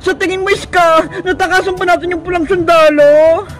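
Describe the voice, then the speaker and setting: A woman voicing two panicky young girls in a cartoon, shouting and crying as they run from a deadly game. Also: very high-pitched, fairly even intonation, a little fast. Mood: frantic. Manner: shouting, frantic, tearful. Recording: music playing behind.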